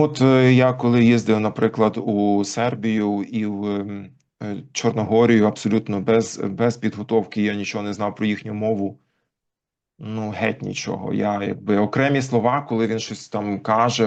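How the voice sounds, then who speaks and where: A man as an interview guest, explaining language history thoughtfully with frequent pauses. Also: fairly low pitch, flat delivery, vocal fry, darkish tone. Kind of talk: conversational interview. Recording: dull lo-fi recording.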